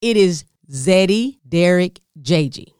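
A woman tells a personal story slowly and expressively, pausing for effect and talking straight to her listeners. Her voice is smooth and resonant. The sound is dry and close, with no room around it. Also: lowish voice, no room sound. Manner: expressive, with dramatic pauses and direct asides to listeners.

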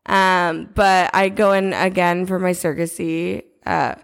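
A woman's voice: on the low side, flat delivery, takes it slowly, gravelly, smooth. A young woman co-hosting a podcast in casual chat, teasing and easygoing. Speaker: podcast co-host.

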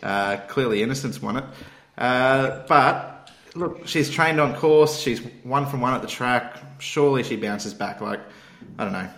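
A man's voice: mid-range voice, a little slow, fairly bright tone. An Australian man on a racing podcast panel, chatting and telling anecdotes in a blokey, slangy way. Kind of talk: casual chat and anecdotes. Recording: roomy, echoing sound.

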